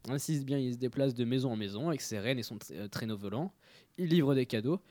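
A man's voice: medium pitch, fast talker, mellow, no room sound. A young man presenting a radio column in casual talk, hesitant and full of fillers.

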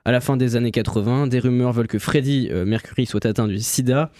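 A man's voice: medium pitch, darkish tone, no echo, studio quality. Hesitant young male radio columnist. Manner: halting, many fillers and restarts. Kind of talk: reading a history segment on air.

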